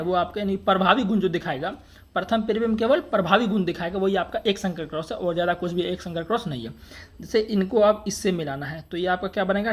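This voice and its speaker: A man teaching an exam-prep science lesson in a steady, drilling way. He asks a question, answers it himself and then repeats the key term for emphasis. Dialect words come through in his Hindi. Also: high voice. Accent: Hindi dialect words (बड़का, छोटका).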